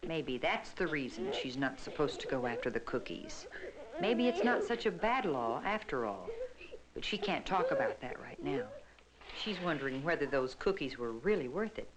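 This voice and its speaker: A woman's voice: low voice, big pitch swings, moderate pace, a loud crowd. A woman reading scripted narration for a 1970s educational film in a cautionary storytelling manner. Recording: noisy vintage film soundtrack.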